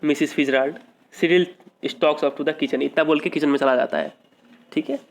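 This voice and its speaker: Male teacher with a slightly high voice. He reads English lines slowly, explains them, and quizzes himself. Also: fairly even intonation, creaky. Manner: asks questions and answers them himself. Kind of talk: English lesson explained in Hindi.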